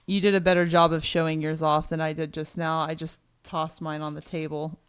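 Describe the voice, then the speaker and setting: Woman, livestream co-host, smooth voice, friendly chatter, dry close mic. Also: sits low, level tone, fairly quick, no room sound. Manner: chatty, thanks viewers, reads donations aloud. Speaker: co-host of a precious metals livestream. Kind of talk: casual livestream chat.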